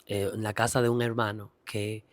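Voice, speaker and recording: A man's voice: lowish voice, little pitch movement, normal speed, dry recording. A man giving a personal faith testimony, earnest and rising into a preacher-like emphasis.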